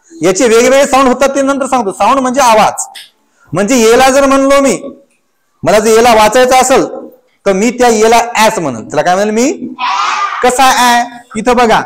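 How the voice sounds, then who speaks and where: A male teacher, taking a class through a lesson, asking questions and chanting letters aloud. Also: very high-pitched. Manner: call-and-response questioning of pupils.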